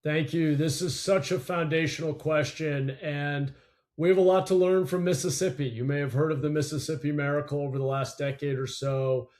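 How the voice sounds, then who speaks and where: Male candidate, slightly high pitch, earnest explanatory answer. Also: steady tone, moderate pace, a little mellow. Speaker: gubernatorial candidate. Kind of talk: forum answer.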